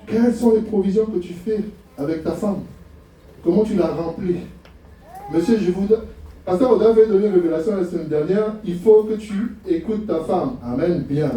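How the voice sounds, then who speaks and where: A middle-aged male pastor from France preaching with humor and rhetorical questions. His mellow, dark-toned voice rings through a very echoey church hall and sounds set back from the mic. A faint hiss sits under it. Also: high voice, moderate pace, far from the mic. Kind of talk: sermon.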